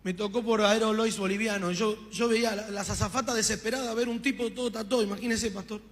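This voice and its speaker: High-voiced Argentine preacher in an echoing hall. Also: male voice, steady tone, fast talker. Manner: storytelling, acting out dialogue with fervor. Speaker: preacher giving his testimony. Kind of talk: testimony sermon. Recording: long reverb of a hall.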